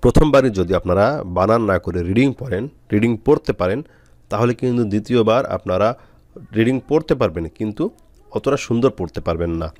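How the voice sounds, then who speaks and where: Low-voiced man teaching slow spelling. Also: lively intonation, darkish tone, no echo. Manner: spells out letters and syllables slowly, pausing often. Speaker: Quran reading teacher. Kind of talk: step-by-step spelling lesson.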